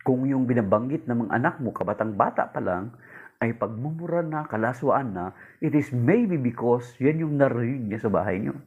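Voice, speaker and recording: A man preaching a homily, mixing Tagalog and English, telling a story and raising his pitch to act out its voices. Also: animated, moderate pace, slightly rough, phone-quality sound. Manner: mixes Tagalog and English, addresses listeners as brothers. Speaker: priest. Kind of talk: homily with a told joke.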